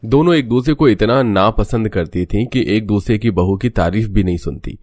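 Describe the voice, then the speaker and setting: A man narrating a cartoon story in a steady, scripted storytelling voice. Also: fairly low pitch, moderate pace, no echo.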